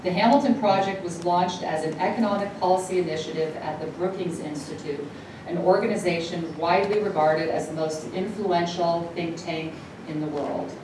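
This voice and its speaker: The host, a woman whose native language is Dutch, reads her introduction of a guest at a university event, trips up and laughs, then interviews the guest before the audience. She has a lowish voice at normal speed, recorded from a distance in an echoey, noisy hall.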